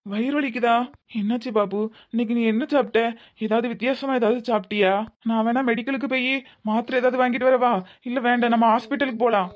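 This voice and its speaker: Voicing a worried, fussing young husband, a woman asks rapid, fretful questions in a Tirunelveli Tamil accent. Her natural voice is fairly high and steady in tone, heard through slightly muffled lo-fi audio.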